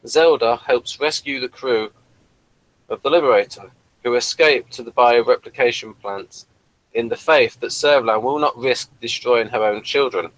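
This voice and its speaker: A man with a medium-pitched, slightly bright voice co-hosts a casual review show, chatting and reading an episode synopsis aloud. He sometimes stumbles and corrects himself, and the audio quality is poor.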